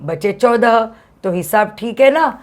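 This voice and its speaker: Give me a stern, stingy household master, read aloud by a woman teacher. He lectures and counts money out slowly, the way a story is read to a class. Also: a little high, expressive. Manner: lecturing, drawn-out reckoning of money.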